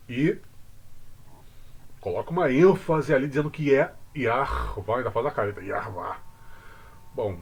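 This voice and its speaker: A man with a Brazilian accent explaining religious ideas in casual talk, deliberate, with asides to the viewer. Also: lowish voice, husky. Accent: Brazilian Portuguese. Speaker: religious commentator.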